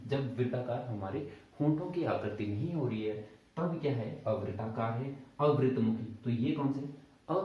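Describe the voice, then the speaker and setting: A man teaching a Hindi grammar lesson at a board, explaining step by step, asking the class questions and answering them himself, and stretching out vowel sounds to demonstrate them. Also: mellow. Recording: boomy room echo, distant and dull.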